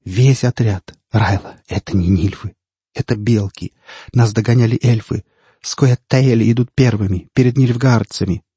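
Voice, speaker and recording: A man's voice: medium pitch, steady tone, moderate pace, dark tone, slightly rough, no echo. A man voicing a wounded, panicked mercenary who calls out in urgent, groaning cries. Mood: desperate.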